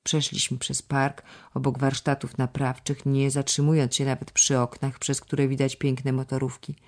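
Woman audiobook narrator, deep low voice, measured storytelling pace. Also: completely flat delivery, a little mellow. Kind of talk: scripted narration of a children's novel.

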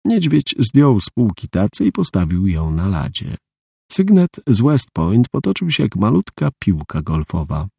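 A man's voice: lowish voice, big pitch swings, a little slow, gravelly, dark tone, breathy edge, no echo. A man narrating an audiobook in a dry, matter-of-fact storytelling manner. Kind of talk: scripted narration.

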